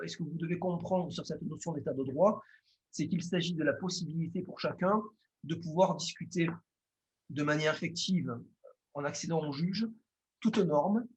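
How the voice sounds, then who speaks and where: A man with a Marseille accent gives a formal lecture on law. His voice sits a little high for a man, and he speaks hesitantly, with frequent "euh" fillers and restarts. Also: darkish tone. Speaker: lawyer giving a conference talk.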